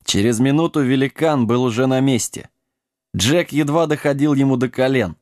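A man reading a comic fantasy story aloud in an expressive way. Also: medium pitch, moderate pace, dry recording, studio quality.

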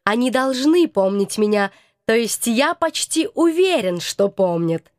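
Huffy nervous scientist guy, boastful, shaky voice, read by a lady in a high dry voice. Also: expressive, unhurried, dry recording. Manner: shaky, huffy, self-important. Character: jittery runaway male scientist, touchy and boastful. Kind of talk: audiobook character reading.

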